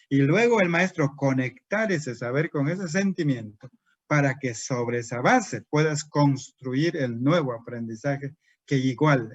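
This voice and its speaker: A man's voice: mid-range voice, no room sound. A man giving a lecture to teachers as a trainer, asking and answering his own rhetorical questions. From Peru. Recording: dry, dull lo-fi recording.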